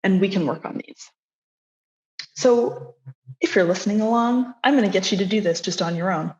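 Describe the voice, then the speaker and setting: A woman's voice: medium pitch, normal speed, a little mellow. A woman presenting a live workshop in a friendly, encouraging, conversational way. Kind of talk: live online workshop talk. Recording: slightly dull lo-fi audio.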